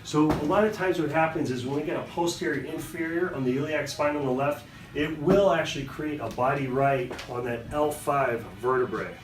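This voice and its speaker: A man working as a chiropractor, calmly and soothingly guiding a patient through hands-on treatment in short, gentle instructions. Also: a little high, fairly quick, noisy background. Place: indoor treatment room. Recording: echoey room, distant mic, music underneath. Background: music.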